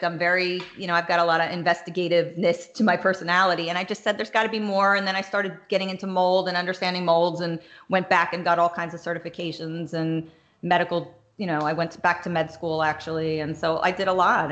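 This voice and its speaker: Low-voiced woman talking as a podcast guest. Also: little pitch movement, a bit bright. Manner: chatty, listing items in rapid runs. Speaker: guest expert. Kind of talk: podcast interview.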